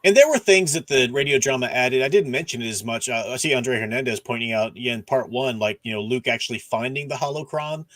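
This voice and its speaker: A man hosts a casual book discussion livestream about comics and radio dramas, explaining at length and peppering his talk with "you know." His mid-range, slightly bright voice moves quickly with hardly any pauses, in a dry recording.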